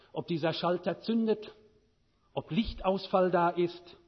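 Slow, husky male preacher in a hall. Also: sits high, lo-fi sound. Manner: rhetorical questions, measured delivery. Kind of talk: sermon.

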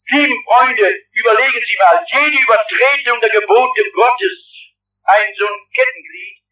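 A man in his fifties or older, a pastor with a Swabian accent, preaching an impassioned sermon with bursts of shouting. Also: extremely high pitch. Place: large dark hall with an audience. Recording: old radio recording from far off the mic.

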